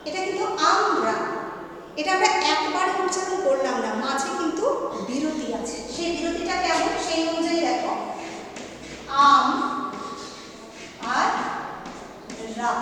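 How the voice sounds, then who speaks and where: A woman's voice: very high voice, noisy background. A woman teaching a grammar lesson to schoolchildren, patiently repeating points and asking the class questions. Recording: echoey hall, voice far from the mic.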